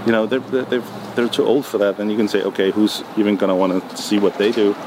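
A man answering interview questions in a relaxed, hesitant way, with many ums and restarts. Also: lowish voice, fast. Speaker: music producer guest. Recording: noisy background.

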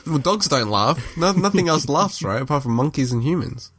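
A man's voice: on the high side, lively intonation, normal speed, a bit bright, slightly rough, dry recording, clean studio sound. A man co-hosting a podcast in casual chat, laughing heartily and wrapping up the show. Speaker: podcast co-host.

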